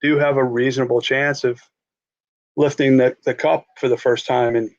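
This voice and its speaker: A man's voice: medium pitch, flat delivery, normal speed, lo-fi sound. A man from Long Island with a Long Island accent, chatting as an interview guest about sports, with restarts and fillers. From New York, Long Island. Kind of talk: casual interview chat.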